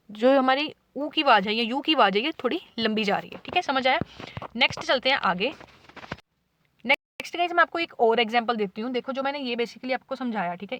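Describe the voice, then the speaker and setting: In a lesson video, a woman teaches a class at a whiteboard in Hindi mixed with English terms, explaining patiently, repeating "ठीक है" over and over and sounding out example words. Her voice is on the high side and fairly bright, with no echo.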